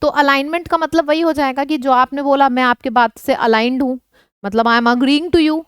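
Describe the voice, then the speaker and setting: Woman teacher going over vocab, high clear voice, dry close mic, keeps asking if it's clear. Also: steady tone, normal speed, dry recording. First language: Hindi. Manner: explains words in mixed Hindi and English, checks in often. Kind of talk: online vocabulary lesson.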